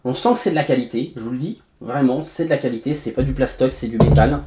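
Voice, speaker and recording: A man's voice: medium pitch, fast talker, mellow. A man hosting a casual unboxing review, chatty, with many fillers and asides to viewers. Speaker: tech reviewer host. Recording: echoey room, faint background noise.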